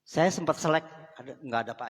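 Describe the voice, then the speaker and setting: A fast-talking pastor with a slightly high, somewhat rough voice preaches in a chatty, direct manner, often turning to the congregation with asides and calling them saudara. The sermon comes through a live microphone in a church sanctuary with long reverb.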